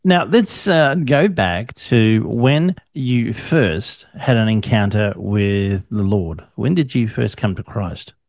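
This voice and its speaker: A man's voice: fairly low pitch, expressive, takes it slowly, hardly any pauses, darkish tone, no room sound, studio quality. An older man filling in as host, asking questions in a chatty, upbeat way. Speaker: show producer filling in as host. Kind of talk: radio-style interview.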